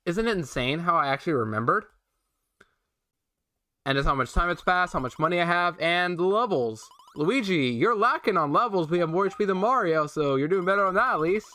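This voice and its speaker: A man's voice: sits high, expressive, brisk, bright, forceful tone, dry recording. A young man streaming a video game, rambling playfully and chatting with his viewers. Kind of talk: casual game-stream commentary.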